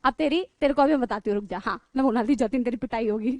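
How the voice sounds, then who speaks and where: A woman teacher with an Indian accent, telling a funny story to her students in an animated, playful way and often laughing and teasing. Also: a little high, fast, dry recording. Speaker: online teacher. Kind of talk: storytelling to students in an online class.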